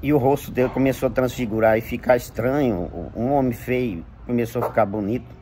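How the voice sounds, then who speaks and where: Speaking fairly quickly in a warm voice, a man with a Brazilian Portuguese accent shares a personal religious testimony full of emotion. His pitch climbs as he recounts what was said, and there's a slight hiss or hum on the recording.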